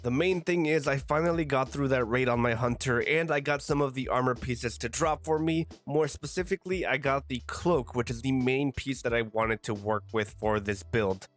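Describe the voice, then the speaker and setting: A man's voice: medium pitch, moderate pace, few pauses, soft background music. Congested man reviewing gaming gear. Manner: relaxed, rambling with fillers. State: congested from a cold. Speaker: gaming video creator. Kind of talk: casual gear review voice-over.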